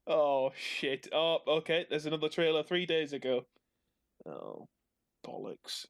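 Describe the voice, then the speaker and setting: A man with a Northumbrian accent co-hosting a podcast in casual banter, jokey, self-deprecating and quick to swear. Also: on the high side, steady tone, clear, resonant tone. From Northumberland, England. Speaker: podcast co-host.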